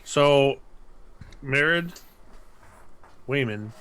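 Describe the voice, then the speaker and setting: A man acting as game master for a tabletop horror game. He talks at an unhurried, drawn-out pace, weighing each phrase with ums and pauses while he describes the scene. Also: mid-range voice, lively intonation, fairly bright tone, clear, resonant tone. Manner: slow, measured, pausing with ums.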